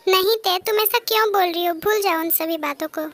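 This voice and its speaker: A woman with a very high voice plays a possessive, hot-tempered teenage boy in a fan-dubbed love story. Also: brisk, fairly bright tone. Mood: caring. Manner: scolding, possessive.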